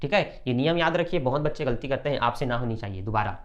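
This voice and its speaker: A man teaching a math lesson step by step, brisk and repetitive, often checking that students follow. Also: medium pitch, expressive, lo-fi sound.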